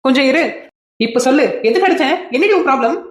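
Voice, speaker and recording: A woman voicing a brisk young office girl with a Kanyakumari accent. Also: high-pitched, lively intonation, echoey room. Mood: casual. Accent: Kanyakumari Tamil. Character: young woman office worker, calm and easygoing.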